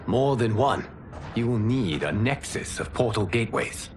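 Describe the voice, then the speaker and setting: An actor playing a calm male protector who leads his allies and speaks in a composed, earnest way in a game cutscene. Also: mid-range voice, moderate pace, natural voice. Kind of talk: video game cutscene acting. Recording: game audio with music bed.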